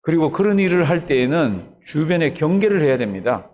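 A man's voice: fairly high pitch, very animated, a little fast, a little mellow. A man, a pastor, preaching an early morning sermon, retelling the story animatedly and asking the congregation questions.

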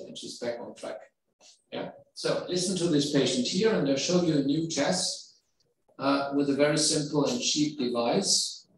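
A middle-aged neurology professor with a German accent gives a medical lecture in a lecture hall, explaining things step by step and putting questions to the audience. His mid-range voice sounds distant in the echoey hall, with slight background noise.

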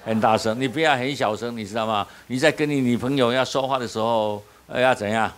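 A man preaches as a pastor in a brisk, mid-range voice during a sermon for small-group leader training. He questions the audience and then answers for them, tagging "you know?" ("你知道吗") onto his sentences again and again.

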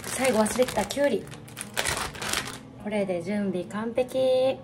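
Casual home-cooking vlogger, woman around thirty, medium pitch, music under the voice. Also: slow. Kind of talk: casual cooking narration and chat. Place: home kitchen and dining table. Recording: music behind the voice.

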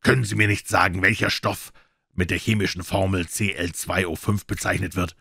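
A man reading a soft, insistent gentleman detective. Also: low voice, steady tone, moderate pace, vocal fry, husky, no echo, studio quality, full character voice.

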